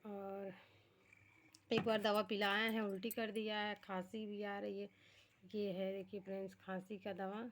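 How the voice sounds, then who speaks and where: A woman's voice: medium pitch, little pitch movement, unhurried, slight background noise. Chatty woman vlogging at home at night. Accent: Bhojpuri-tinged Hindi. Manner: chatty, addresses viewers as friends. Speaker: family vlogger. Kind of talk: casual home vlog to viewers.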